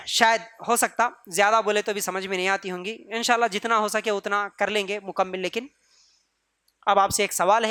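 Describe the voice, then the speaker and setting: A man with a Deccani Urdu accent giving an animated religious storytelling lecture, quizzing listeners and repeating phrases for emphasis. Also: sits high, smooth, no room sound, clean studio sound. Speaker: preacher.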